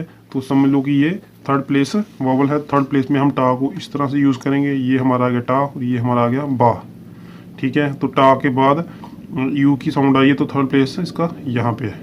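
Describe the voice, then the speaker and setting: A man's voice: medium pitch, a little hiss or hum. A man teaching a shorthand lesson, explaining each example patiently and repeating his phrases, drawing out the example words. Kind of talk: step-by-step video lesson. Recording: dull, lo-fi recording.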